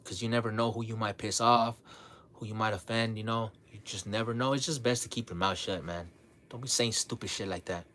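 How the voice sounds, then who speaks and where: A man talking casually to his livestream audience, relaxed and blunt, sprinkling his talk with "man" and "bro", often repeating and restarting his words. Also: fairly low pitch, a little fast. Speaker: livestream host.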